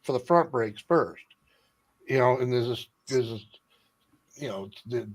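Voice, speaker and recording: A man's voice: mid-range voice, unhurried. Rambling, sweary man in casual chat.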